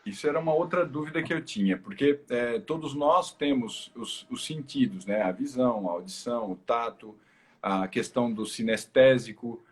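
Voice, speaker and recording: A man's voice: mid-range voice, normal speed. A man hosting a live interview, asking thoughtful follow-up questions. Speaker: host.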